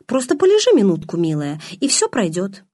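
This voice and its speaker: A woman voicing a soothing, nosy older school nurse in an audiobook, with a breathy voice. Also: mid-range voice, wildly swooping pitch, a little fast, a little mellow. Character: fussy, motherly older nurse.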